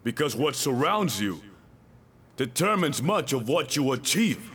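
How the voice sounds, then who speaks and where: A man's voice: medium pitch, big pitch swings, unhurried, a bit bright, husky. A male pastor preaching a sermon, emphatic and repeating his key lines, with joking asides to the congregation.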